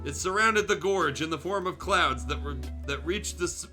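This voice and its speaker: A man with a fairly high voice reads fan fiction aloud as a streamer, speaking at a moderate pace in a bright, forceful tone. His narration is dramatic yet casual, with small self-corrections and offhand asides, while music plays behind him.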